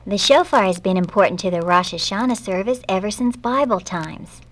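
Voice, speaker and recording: A woman doing a high-voiced young girl. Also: moderate pace, lightly acted. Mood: earnest. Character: young girl, upset then forgiving.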